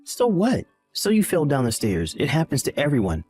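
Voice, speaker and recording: A man's voice: on the high side, wildly swooping pitch, moderate pace, a little mellow, breathy edge, faint music behind, full character voice. A man voicing a dismissive, callous young husband in a text-message drama, irritated and belittling.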